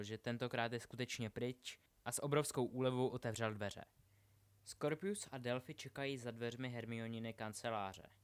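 A man narrating a novel aloud in steady storytelling, slowing down for effect. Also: medium pitch, smooth. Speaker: reader. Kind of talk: audiobook narration.

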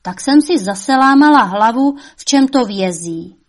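A woman's voice: fairly high pitch, lively intonation, voice pushed up. A woman voicing the devil's old mother, a cunning woman who scolds shrilly and coaxes sweetly. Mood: coaxing.

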